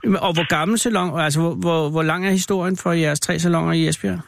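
Background noise sits behind a man whose slightly high voice holds a fairly even intonation with some vocal fry. He's a radio host in the studio, casually interviewing a caller, tentative in his phrasing and prone to teasing.

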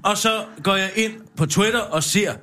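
A man playing a brash, crude middle-aged woman newsreader in a satirical comedy sketch. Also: sits high. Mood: gleeful. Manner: loud, blunt, mocking.

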